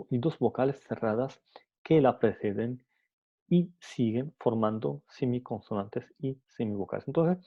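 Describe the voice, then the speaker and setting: A man talks through a phonetics lesson at an unhurried pace, his husky voice rising and falling in a lively way. He hesitates often, restarts his phrases and sounds out example syllables. The recording is dull and lo-fi. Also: medium pitch. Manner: hesitant, many fillers and restarts. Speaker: teacher.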